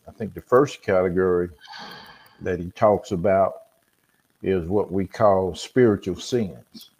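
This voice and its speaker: Slow, husky-voiced man discussing scripture. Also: low voice, darkish tone. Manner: teaching, conversational with fillers. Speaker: podcast host. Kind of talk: casual Bible discussion.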